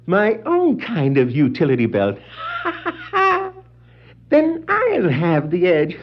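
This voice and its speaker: An actor playing a gleeful, vengeful crime clown who gloats theatrically and cackles, in a 1960s superhero audio drama. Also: male voice, sits high, huge pitch swings, very slow, exaggerated voice. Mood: gleeful, gloating. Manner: frequent wild cackling laughter, theatrical gloating. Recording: vintage dull lo-fi vinyl record, music.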